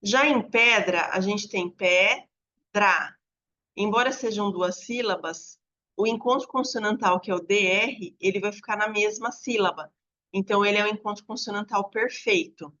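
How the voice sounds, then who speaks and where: A woman's voice: mid-range voice, normal speed, sharp tone, dull audio. A woman teacher giving an online lesson, patiently stretching out example words as she explains. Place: home apartment with dogs barking nearby.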